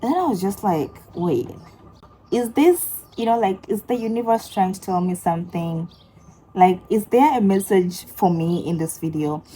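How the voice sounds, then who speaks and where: A young woman vlogger telling a personal story in a casual, chatty way, full of fillers, with sudden animated outbursts. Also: medium pitch, normal speed, a little hiss or hum, low-quality recording.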